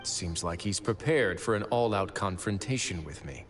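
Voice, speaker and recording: A man playing a composed, stern and protective prison warden in an anime game, speaking in a measured, deliberate way. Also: sits low, animated, loud music behind the voice. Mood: calm, assured.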